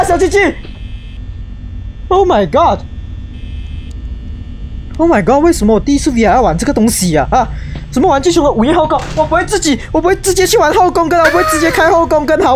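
A young woman giving excitable, shrieking let's play commentary, peppered with English exclamations. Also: sits high, rapid-fire, faint music behind. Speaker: gaming YouTuber.

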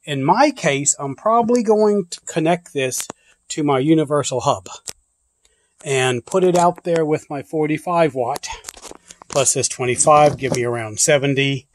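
Off camera on a porch and yard outdoors, a prepper-channel host unboxes gear, talking casually and thinking aloud with loose restarts. His voice is on the high side and unhurried, with slight background noise.

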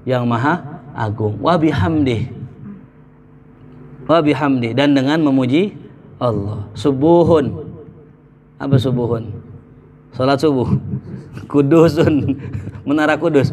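A male Islamic preacher, giving a lively sermon full of jokes and anecdotes. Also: on the high side. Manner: lively, joking, mimics market sellers.

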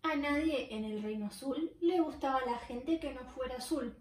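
A woman reading a children's story aloud in a clear, expressive storytelling manner with dramatic pauses. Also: high-pitched. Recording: roomy, far from the mic.

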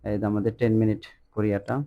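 A man teaching an online language lesson in a loose, informal way, with many fillers and slow repeated words. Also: fairly low pitch, flat delivery, clear, resonant tone, muffled recording.

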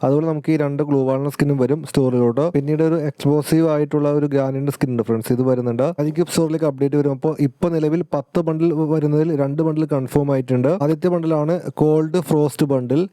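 Male gaming vlogger, very fast casual delivery, dark smooth tone, talks straight to his viewers. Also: fairly high pitch, fairly even intonation, dry recording. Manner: chatty, keeps addressing viewers as friends and guys. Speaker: gaming YouTuber. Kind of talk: casual game update commentary.

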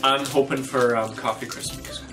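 Very low-voiced woman reviewing snacks. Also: fairly quick. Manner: relaxed, describes each snack aloud. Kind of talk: casual taste-test chat. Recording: distant mic with background music.

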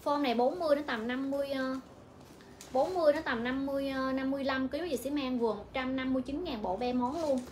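A woman's voice: sits high, darkish tone, a little hiss or hum. A young woman with a Vietnamese accent selling clothes on a livestream, repeating prices and sizes over and over. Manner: repetitive, rapid-fire price calling. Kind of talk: livestream sales pitch.

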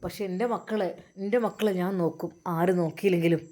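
A gentle, patient father who speaks low and quiet, soothing his children and sighing over his troubles, as a woman narrator lowers her voice for him. His tone is soft and weary, like a storybook husband. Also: fairly even intonation, fast talker, close to an everyday voice. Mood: sorrowful.

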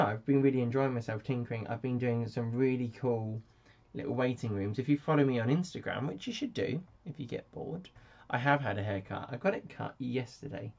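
A man's voice: mid-range voice, gravelly, darkish tone. A man hosting a casual live stream, chatty and self-mocking as he answers viewers. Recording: dull lo-fi sound.

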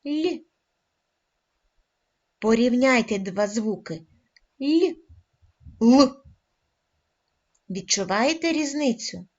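A woman teaching a lesson to first graders, speaking slowly and deliberately and drawing out each sound for the children. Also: medium pitch. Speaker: primary school teacher. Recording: dull lo-fi recording.

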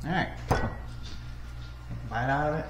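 A man's voice: on the high side, normal speed, soft background music. A man hosting a casual cooking vlog in his home kitchen, laid-back and self-mocking. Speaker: home cook and channel host. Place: home kitchen by a frying pan. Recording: sizzling frying noise in a kitchen.

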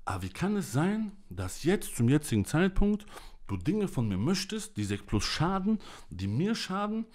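A man's voice: fairly high pitch, sing-song, moderate pace, darkish tone. A man delivering an angry, emotional monologue to camera, ranting in blunt, coarse language. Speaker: vlogger.

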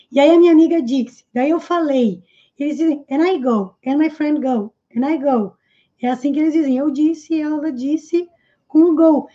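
A Portuguese-speaking woman teaching English in a live lesson, explaining phrases and repeating them slowly. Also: sits high, dark tone, muffled recording.

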